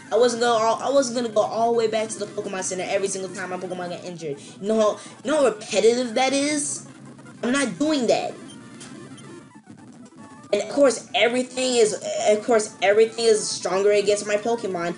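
A young woman commentating her own gameplay, ranting in exasperation and jumping up to squealing high notes. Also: darkish tone. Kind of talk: let's-play commentary.

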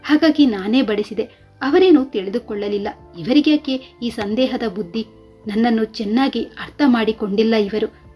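A woman's voice: a little high, normal speed, warm tone, faint music behind, natural voice. A woman voicing a hurt young married woman who pleads and questions, in a storybook reading.

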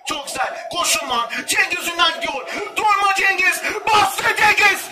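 A young man commentating his football video game, shouting and swearing in frustration at his players. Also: extremely high pitch, expressive, unhurried, far from the mic, background noise. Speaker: gamer. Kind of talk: excited gameplay commentary.

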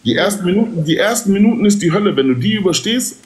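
A man with a fairly high, very lively voice talks on a casual group livestream. He coaches emphatically, in street slang peppered with Arabic oaths. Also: fast talker. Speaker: boxer giving fight advice.

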